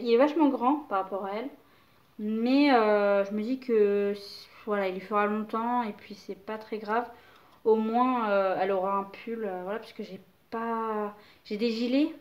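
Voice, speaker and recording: A young mother shows off a haul of baby clothes, chatting casually to camera, hesitant and full of fillers. Her voice is medium-pitched, and the recording sounds muffled.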